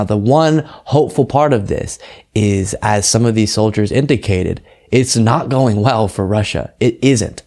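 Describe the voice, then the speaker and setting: Here an American political commentary host speaks with a fairly low, darkish voice. He reads translated quotes aloud in a casual segment, staying earnest, emphatic and conversational throughout.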